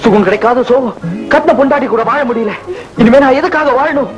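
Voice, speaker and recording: A cheeky young man, teasing and theatrical, with a lively, swooping high voice. Old film soundtrack with music underneath. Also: brisk, lo-fi sound. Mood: comic. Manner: teasing, exaggerated wailing.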